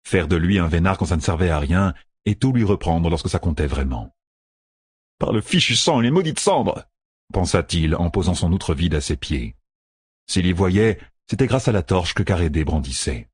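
A man narrating a story in a measured, dramatic way. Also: low-pitched, a little mellow, slightly rough, dry recording. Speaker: audiobook narrator. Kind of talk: scripted narration. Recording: dry close recording.

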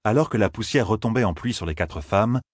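Deep, husky male audiobook narrator. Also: no echo, clean studio sound. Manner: steady, measured storytelling. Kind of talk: scripted narration.

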